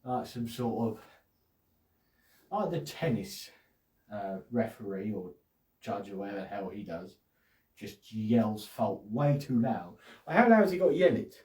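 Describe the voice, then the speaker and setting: A man's voice: on the low side, very animated, measured pace, long pauses, a little mellow, reverberant, distant mic. A man hosting a casual solo podcast, rambling and joking, often laughing and acting out little quotes. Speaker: podcast host.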